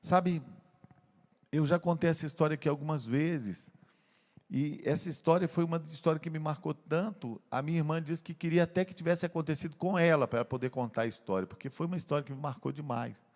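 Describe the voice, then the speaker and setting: Older male pastor, gravelly voice in a hall. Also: on the high side. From Brazil. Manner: tells a personal story with emotion, often slowing and dropping to a soft voice. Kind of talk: sermon storytelling. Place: church sanctuary. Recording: long church hall reverb.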